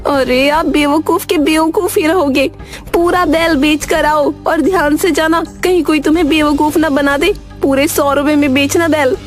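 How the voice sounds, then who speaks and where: A high-voiced village wife, played by a woman who scolds her foolish husband with exasperation. The cartoon dialogue plays over clear music. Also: fairly even intonation, normal speed, lightly acted. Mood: scolding. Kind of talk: cartoon voice acting. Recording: music behind voice.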